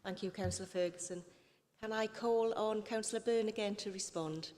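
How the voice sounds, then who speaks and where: A woman's voice: medium pitch, fairly even intonation, normal speed, darkish tone. A woman serving as Lord Mayor, chairing a city council meeting and calling agenda items, with the odd apologetic slip. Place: council chamber. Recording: council chamber with long reverb.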